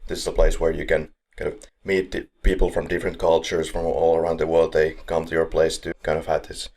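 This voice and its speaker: A Finnish podcast host keeps a casual chat upbeat and joking, laughing between lines. Yet his voice is extremely low and darkish, delivered completely flat and at a brisk clip.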